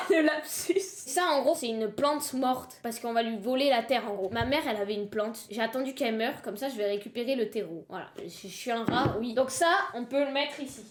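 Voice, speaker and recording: Teen woman, southern French accent, jokey self-mocking streamer, roomy echoey recording. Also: high-pitched. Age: teens. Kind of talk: casual livestream chat. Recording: roomy echo with faint noise.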